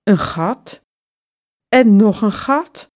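A woman voicing an angry, scolding wife in a slow, emphatic storybook reading. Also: medium pitch, animated, a little mellow, no room sound, clean studio sound, pitched above the performer's own voice.

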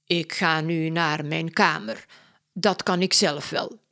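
Gentleman detective, read by a woman, polite, deliberate, slow storybook voice. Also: sits low, vocal fry, exaggerated voice. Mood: musing. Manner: slow, measured, courteous. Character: polite older male detective, calm and deliberate.

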